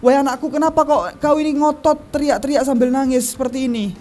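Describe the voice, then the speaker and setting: A man's voice: very high-pitched, fairly even intonation, fast talker, darkish tone, voice pushed up. A man voicing a puzzled, scolding middle-aged shopkeeper in a sermon story.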